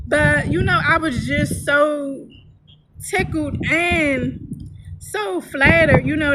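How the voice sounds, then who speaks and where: A woman in her thirties with a high voice tells a personal story in a candid, chatty way, with plenty of "you know" fillers. She records inside a vehicle, and a steady rumble of noise sits clearly under her voice. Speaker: vlogger.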